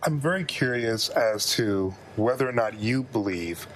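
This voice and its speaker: A man anchoring a live news broadcast who asks questions in a measured, inquisitive way. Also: medium pitch, expressive, a little hiss or hum.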